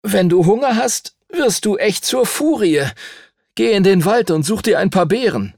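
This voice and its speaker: A fiery young girl in a storybook reading, voiced by a man. The voice sits well above his own, sharp and scolding. The recording is dry and close. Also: high-pitched, lively intonation, moderate pace, vocal fry, dry recording, voice pushed up, heavily acted. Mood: angry. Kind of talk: audiobook character voice.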